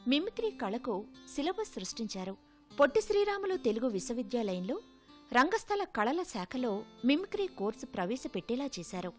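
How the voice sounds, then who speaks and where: A woman with a fairly high, expressive voice reads a formal tribute script. Her delivery is poetic and measured. Soft music plays beneath her. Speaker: narrator. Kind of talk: scripted documentary narration. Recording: narration with soft music underneath.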